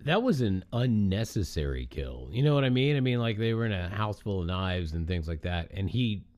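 A man with a lowish voice talks casually as a podcast co-host. He tells things emphatically, his pitch rising and falling a lot. The sound is dry and close. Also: animated, normal speed, darkish tone, dry recording. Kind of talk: casual chat.

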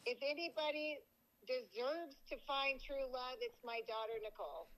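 A middle-aged woman with a fairly high voice comes through a phone held up on speaker. She speaks to her daughter with doting affection in an easy, casual way. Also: moderate pace, fairly bright tone, low-quality recording. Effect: heard over a phone on speaker. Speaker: guest's mother calling in. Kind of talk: casual chat.

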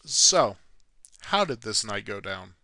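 Animated but measured, a man with a medium-pitched, pushed and bright voice narrates scripted sports history without room sound. His narration is sarcastic, self-mocking and full of swearing, broken up by jokey asides.

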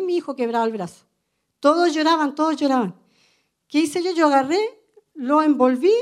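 A woman's voice: sits high, darkish tone. A woman with a Chilean accent preaching a sermon to other women. She is earnest and conversational, tells personal stories and keeps adding "amen". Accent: Chilean Spanish.

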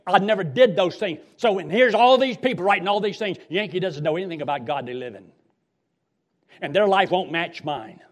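A man's voice: sits high, lively intonation, fairly quick. A man preaching a sermon in a passionate, emphatic way, stretching stressed words and putting direct questions to his listeners. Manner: direct address with rhetorical questions. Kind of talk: sermon with Bible reading and storytelling.

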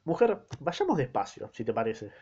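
A man's voice: medium pitch, huge pitch swings, normal speed, dark tone, slightly rough. An Argentine man voicing a brash, mocking drunken husband, tossing off flippant retorts in a slightly muffled recording.

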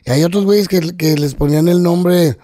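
A man's voice: sits high, a little fast, mellow. A man with a Mexican accent, a comedian guest telling stories in crude, slangy casual chat. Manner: crude slangy storytelling, swearing.

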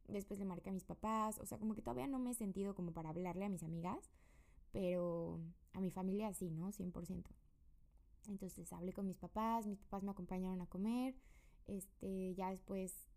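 A woman's voice: mid-range voice, creaky, mellow. A young woman with a Mexican accent, chatting through a rambling personal update for her podcast from her room. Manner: chatty and rambling, many fillers. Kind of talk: casual personal update monologue.

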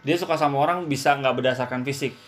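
A man's voice: mid-range voice, fast talker, slight background noise. A man explaining things to friends in a casual chat and steering the conversation.

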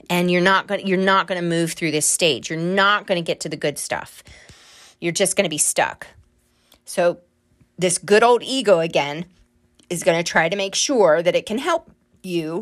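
A woman's voice: lowish voice, fairly bright tone. A woman hosting a casual solo podcast as an energy healer, talking in a chatty, earnest, encouraging way and laughing at herself now and then. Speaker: podcast host and Reiki healer.

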